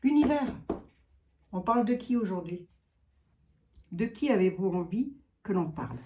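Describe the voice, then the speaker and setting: A woman's voice: mid-range voice, lively intonation, unhurried, warm tone. A woman with a Lorraine accent, chatting casually and folksily with her viewers as a psychic card reader. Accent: Lorraine French. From Lorraine, eastern France. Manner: chatty, folksy, peppers talk with "hein".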